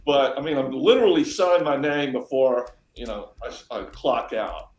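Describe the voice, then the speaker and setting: A man's voice: medium pitch, normal speed, darkish tone. A man, an editorial cartoonist, talking earnestly and with emphasis in a casual chat. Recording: roomy echo.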